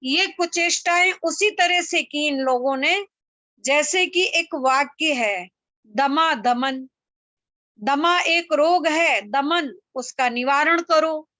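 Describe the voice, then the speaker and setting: A woman giving a religious discourse on the Vedas, explaining slowly and with emphasis, repeating examples to make each point clear. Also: high-pitched, pushed and bright, no room sound. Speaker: Vedic religious speaker.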